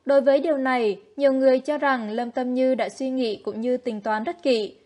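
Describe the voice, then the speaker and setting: A woman with a somewhat high voice narrates entertainment gossip news. Her delivery is steady and even, read from a script.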